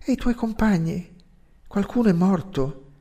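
A man reading aloud voices a dying young woman who is bitter and clinging, speaking softly and stammering. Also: high-pitched, animated, a little slow, voice pushed up. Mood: pleading. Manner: soft and murmuring, stammering.

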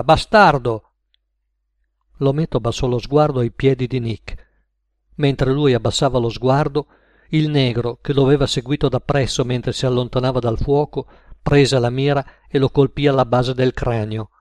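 A man narrates an audiobook story in a steady, measured way. His voice sits mid-range and the recording is close and dry, with no room around it. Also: medium pitch, no room sound.

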